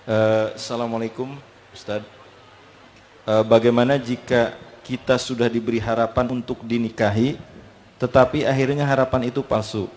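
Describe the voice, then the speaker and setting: A man with an ordinary mid-range voice reads out a question for the preacher. He reads softly and politely, with small hesitations. Faint background noise runs beneath him. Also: medium pitch, steady tone, moderate pace. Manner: polite, soft, hesitant reading with fillers. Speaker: moderator reading questions.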